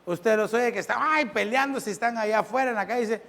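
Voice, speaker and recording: A pastor preaching a sermon. He keeps asking the congregation questions and swings between loud and soft. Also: very high voice, fast talker, in a large hall.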